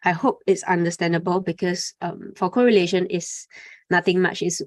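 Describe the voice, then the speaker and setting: A young adult woman hosting a live trading webinar speaks at normal speed with a lowish voice and fairly even intonation. She's conversational, dropping fillers and frequent "okay" and "right?" tags, with no room sound.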